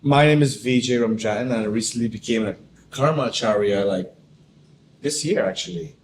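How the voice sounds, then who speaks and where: A Trinidadian man gives a personal talk, telling his story with mounting animation. His voice sits at an ordinary pitch. It comes from some distance in an echoey room, with faint noise underneath. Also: normal speed. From Trinidad and Tobago. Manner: storytelling, animated when recalling wonder.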